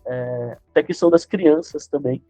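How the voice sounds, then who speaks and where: A man with a Brazilian Portuguese accent, a podcast guest speaking in a measured, reflective way. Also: fairly high pitch, warm tone, no echo, faint music behind. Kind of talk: casual podcast chat. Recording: dull lo-fi sound.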